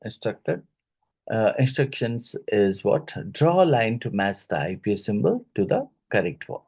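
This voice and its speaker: A man's voice: on the low side, very animated, measured pace, vocal fry, a little mellow, breathy edge. A man with an Indian English accent teaching phonetics for exam prep, explaining step by step and often checking in with "right?" and "isn't it?". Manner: explanatory, checks in with tag questions. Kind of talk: exam-prep lecture walking through worksheets.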